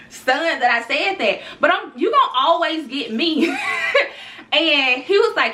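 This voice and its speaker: Bright, chatty vlogging woman in her thirties. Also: high voice, roomy sound, recorded from a distance. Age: 30s. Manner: candid, chatty, addresses viewers as y'all. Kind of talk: casual talk to camera.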